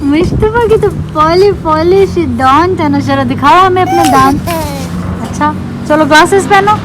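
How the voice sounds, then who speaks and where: A woman's voice: high voice, heavy background noise. A young woman vlogging casually about a day out with her toddler. She talks chattily to her viewers and coaxes her child playfully. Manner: chatty, addresses viewers politely. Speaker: lifestyle vlogger. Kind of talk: casual vlog chat and voice-over. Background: background music.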